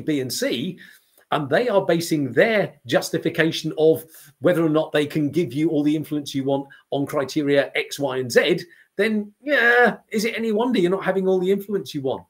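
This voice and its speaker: A man's voice: on the high side, moderate pace. A middle-aged man, teaching as a communication trainer and telling a story with acted-out reactions. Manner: animated storyteller, acts out imagined reactions. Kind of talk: lecture-style talk to camera.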